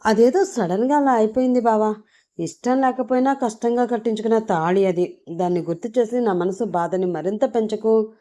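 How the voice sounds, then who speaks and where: A woman's voice: mid-range voice, sing-song, a little fast, dark tone, natural voice. A woman voicing a sly young married woman who feigns sorrow and gloats in her head, in an audiobook story. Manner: sly, mock-sad. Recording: dull lo-fi recording.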